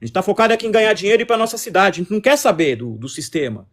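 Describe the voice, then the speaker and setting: A man's voice: high voice, big pitch swings, rapid-fire, a bit bright. A man with a Brazilian accent hosting a casual live stream, talking combatively and repeating himself as he answers chat comments. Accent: Brazilian Portuguese.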